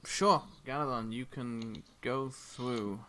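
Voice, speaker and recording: Slow-talking man running a tabletop game. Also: medium pitch, pushed and bright. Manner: hesitant, halting. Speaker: game master. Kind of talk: casual narration of an online tabletop game.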